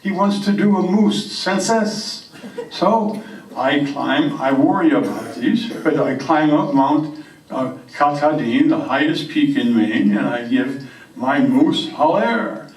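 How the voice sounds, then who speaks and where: A man playing a boastful backwoods moose caller with a French-Canadian accent and halting, simple broken English, telling comic tall tales. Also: a little high. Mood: boastful, earnest. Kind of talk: comic character monologue on stage. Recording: echoey room, distant microphone.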